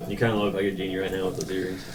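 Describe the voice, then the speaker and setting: A man's voice: low-pitched, completely flat delivery, very fast. A man hosting and playing on a tabletop game show, chatting casually and reading out plugs. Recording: off-mic, group chatter behind.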